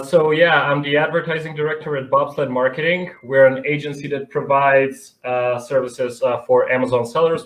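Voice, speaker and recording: A man from North Macedonia, an advertising director, speaks conversationally as an expert guest in an interview. His voice is mid-range and a bit bright, and the room sound is echoey.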